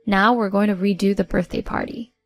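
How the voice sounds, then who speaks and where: A woman's voice: mid-range voice, steady tone, a little fast, faint music behind. A woman narrating a first-person story in a blunt, cold, confrontational way.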